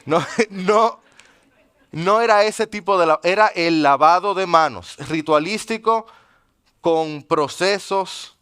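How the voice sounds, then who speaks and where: Male pastor, sermon delivery, higher voice, smooth and clear, keeps asking the congregation questions. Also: slow pace, a bit bright. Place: church.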